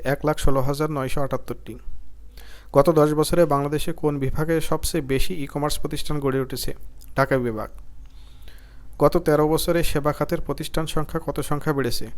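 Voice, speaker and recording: A man from Bangladesh reading out job exam quiz questions, each followed by its answer in a lower, softer voice. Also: steady tone, normal speed.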